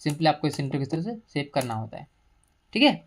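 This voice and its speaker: Low-voiced woman teaching step by step. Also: a little fast. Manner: steady step-by-step explaining, mixing English terms into Hindi. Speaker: computer accounting teacher. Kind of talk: screen-recorded software tutorial.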